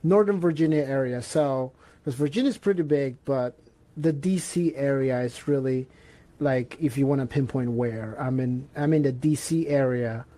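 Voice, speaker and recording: A man's voice: mid-range voice, moderate pace, mellow. A young man from Peru chatting casually as a podcast guest, hesitant with many fillers and restarts. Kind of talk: casual chat.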